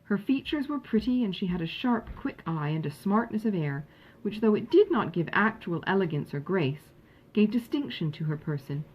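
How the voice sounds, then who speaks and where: Reading a classic novel aloud for an audiobook, a female narrator uses an expressive, measured storytelling style. Her medium-pitched voice is husky, with lo-fi sound.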